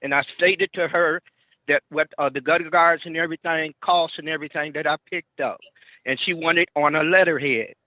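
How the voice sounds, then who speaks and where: A man's voice comes through muffled and tinny, as if from a phone on the other side of a wall. He sits a little high for a man and sounds close and dry, with no room around him. He speaks haltingly, repeating words as he answers a judge. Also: steady tone, no echo. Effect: muffled, tinny phone line. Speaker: party in a court hearing. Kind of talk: testifying to a judge. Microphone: telephone.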